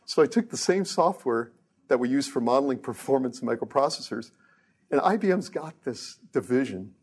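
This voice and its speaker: A middle-aged man lectures on hardware research in a relaxed, offhand way. He drops wry jokes into the technical points and often stumbles and restarts mid-sentence. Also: mid-range voice, moderate pace, breathy edge. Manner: casual, joking asides, frequent restarts. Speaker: research engineer giving a lecture.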